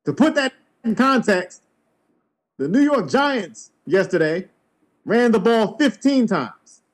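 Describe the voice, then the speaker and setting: High-voiced emphatic man. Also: very animated, takes it slowly. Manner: emphatic, blunt, opinionated. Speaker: podcast host. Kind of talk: sports podcast commentary.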